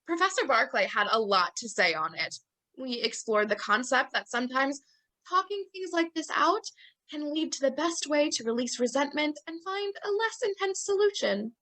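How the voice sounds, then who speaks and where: In a dramatic reading, a young woman plays a blunt, scheming sorority nursing student who speaks emphatically and matter-of-factly about dark ideas. Her voice is high-pitched and expressive at a moderate pace, with an earnest, provocative mood.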